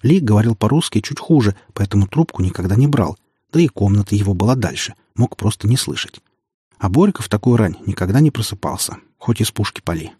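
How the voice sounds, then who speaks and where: Low husky male audiobook narrator. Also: expressive, fairly quick, mellow, no room sound, studio quality. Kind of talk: first-person audiobook narration.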